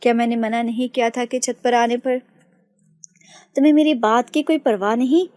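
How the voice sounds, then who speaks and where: A woman's voice: mid-range voice, steady tone, brisk, mellow, no room sound, clean studio sound, lightly acted. A woman voicing a stern, angry young man who harshly scolds his sisters, reading him in a story.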